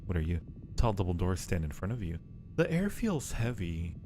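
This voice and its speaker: There's background noise and game music behind this low-pitched man, who speaks at a moderate pace with big swings in pitch. He livestreams a horror game, playfully talking with viewers, muttering under his breath, and reading the on-screen words aloud.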